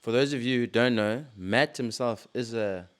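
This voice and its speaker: A man hosting a podcast, asking questions in a relaxed, chatty way. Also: medium pitch, moderate pace. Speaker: podcast host. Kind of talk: casual interview chat.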